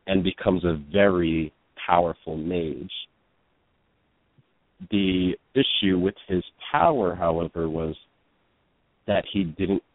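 A man's voice: low-pitched, no room sound. A man, an actor and producer, explaining his work earnestly in an interview. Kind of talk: interview answers. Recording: phone-like line, dry.

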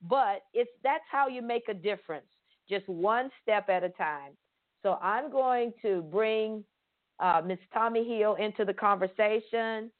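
A middle-aged woman from Florida hosts a faith-based podcast with earnest enthusiasm. She leans on repeated words for emphasis, in an ordinary middle pitch. Her voice is thin and tinny, as if heard over a phone. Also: measured pace. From Pensacola, Florida. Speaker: podcast host.

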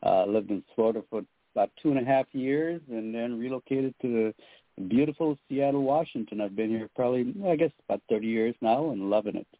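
A man's voice: mid-range voice, brisk, dry recording. Middle-aged male radio guest calling in on a dry, tinny line; earnest, faith-driven, filler-heavy. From Trinidad and Tobago. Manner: earnest, spiritual, with many fillers. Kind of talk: radio interview.

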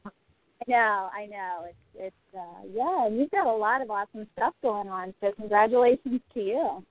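A woman's voice: mid-range voice, expressive, normal speed. A woman speaking as a podcast guest on a speakerphone, her voice muffled as if through a wall, hesitant with many restarts. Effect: muffled, as if heard through a wall. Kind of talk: casual interview chat. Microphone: phone on speaker. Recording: muffled phone line on speaker.

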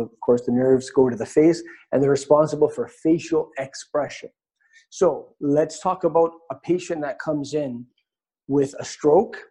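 A man's voice: medium pitch, dark tone, husky. A man teaching a live webinar in a conversational way, demonstrating on an anatomy model as he explains. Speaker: webinar instructor.

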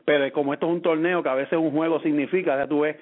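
A man's voice: a little high, fairly even intonation, fast talker. A man with a Puerto Rican accent on a sports podcast, talking casually about managers and player roles, often restarting his words. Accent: Puerto Rican Spanish. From Puerto Rico. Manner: restarts and repeats words, thinks aloud. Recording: tinny phone-like line.

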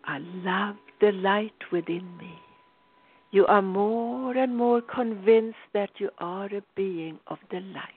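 Slow, soothing woman guiding a meditation. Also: mid-range voice, breathy edge. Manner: slow, soothing, drifting into whispers. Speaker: meditation guide. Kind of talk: guided meditation. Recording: tinny phone-like sound.

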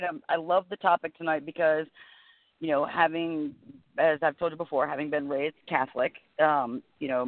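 A woman's voice: low-pitched, no echo. Chatty middle-aged woman on a phone line. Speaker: returning talk show guest. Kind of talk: casual chat. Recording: dry, narrow phone-line sound.

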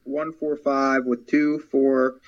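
A man's voice: medium pitch, flat delivery, takes it slowly, no room sound. A man talking casually as a panelist on a horse racing show. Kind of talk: casual chat. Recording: dull lo-fi sound.

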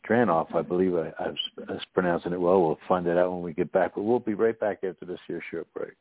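A man's voice: low-pitched, steady tone, quick pace. A middle-aged man from Philadelphia hosting a radio talk show, chatting casually with many restarts. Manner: friendly, rambling with many restarts. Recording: tinny phone-like radio audio.

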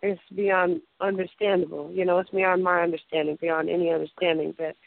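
Speaking over a tinny phone line, a young woman from Fort Worth, Texas, is a guest in a phone interview, earnest and devout, often groping for words. Her voice is lowish, gravelly and brisk, with little pitch movement.

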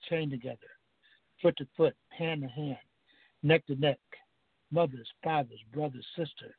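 A man on a phone line reads his spoken-word poem with a steady rhythm and hard-hit refrains. His voice sits a little high for a man. The line is thin and tinny, and dry and close. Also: dry recording. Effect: over the phone. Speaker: caller reciting his poem. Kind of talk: spoken-word poetry reading.

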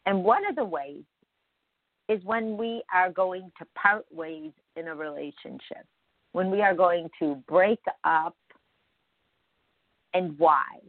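A woman's voice: fairly low pitch, slow pace, long pauses, no echo, phone-quality sound. A woman hosting a morning show, talking conversationally and emphatically straight to her listeners in a reflective spiritual monologue.

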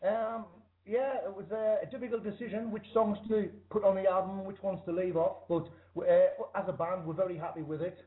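A man's voice: high-pitched, fairly even intonation, a little fast, few pauses, phone-quality sound. A man with a British accent, a musician giving a casual call-in interview. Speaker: interview guest, band musician. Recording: thin internet call line.

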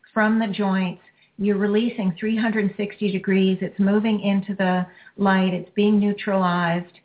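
A woman hosting a healing show, leading a caller through a release in slow, soothing, repetitive phrases. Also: medium pitch. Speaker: energy healing radio host. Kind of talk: guided healing session with a caller. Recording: phone-like lo-fi audio.

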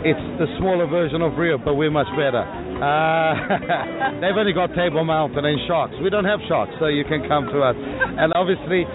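A man's voice: on the high side, normal speed. A man from South Africa, interviewed at a travel show, talking up a destination in an effusive, selling way with many fillers. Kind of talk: enthusiastic promotional interview. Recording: tinny lo-fi audio with music behind.

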